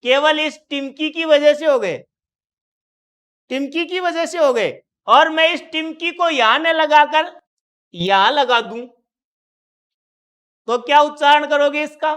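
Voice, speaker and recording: A man's voice: very high-pitched, slow pace, long pauses, fairly bright tone. A man teaching Hindi grammar in a classroom lecture. He explains step by step, keeps quizzing the students with repeated questions, and draws out syllables when he sounds out example words.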